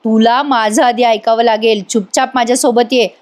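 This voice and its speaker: A woman's voice: a little high, steady tone, moderate pace, close to an everyday voice. A woman voicing an obsessive, menacing young man holding people at gunpoint, barking threats and orders.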